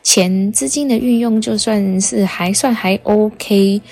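A young Taiwanese woman hosting a casual, rambling monologue with halting self-corrections, talking with a dental retainer in, so her articulation is slightly wet. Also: medium pitch, steady tone, creaky, darkish tone. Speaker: podcast host.

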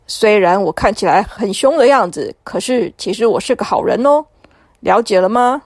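A woman voicing a shark that looks fierce but is kind, speaking calmly and reassuringly. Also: medium pitch, normal speed, dry recording, clean studio sound, natural voice. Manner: reassuring, resigned.

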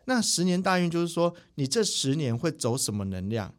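A man, a spiritual teacher telling stories as a guest in a studio interview, animated and quick to mimic others. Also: fairly high pitch. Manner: animated, quick, mimics people mid-story. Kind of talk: casual interview storytelling. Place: podcast recording studio.

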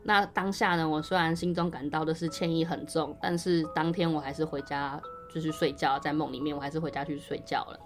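A woman's voice: deep voice, steady tone, a little fast, hardly any pauses, over music. A woman co-hosting a podcast, telling a personal story casually and rambling with many fillers and restarts. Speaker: podcast co-host.

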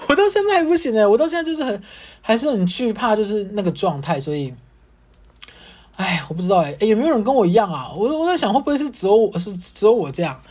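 A young woman hosting a casual solo podcast, ranting in an animated, self-mocking way. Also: medium pitch, fast talker, breathy edge. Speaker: podcast host.

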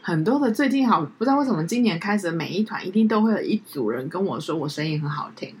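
Fast-talking woman with an androgynous voice. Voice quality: androgynous mid-low voice. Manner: lively storytelling, laughs often. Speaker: podcast co-host. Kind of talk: casual chat.

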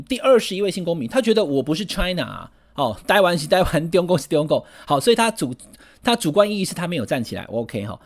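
Taiwanese mandarin guy talking politics fast, very animated, keeps asking questions back at you. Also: sits high. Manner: emphatic, asks many rhetorical questions. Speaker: political commentator. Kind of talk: solo political commentary.

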